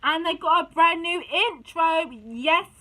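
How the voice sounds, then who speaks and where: A woman's voice: very high-pitched, slow pace, bright, forceful tone, poor audio. A young woman telling a story to camera in indignant, chatty vlog talk, often restarting her sentences. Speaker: vlogger. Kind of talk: casual storytime chat.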